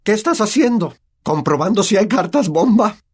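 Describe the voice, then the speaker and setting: A man's voice: sits high, expressive, normal speed, breathy edge, voice pushed up. A man with a Latin American Spanish accent voicing a blustering, bad-tempered middle-aged uncle in an audiobook. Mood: gruff. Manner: barking, curt and bullying. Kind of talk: audiobook character voice.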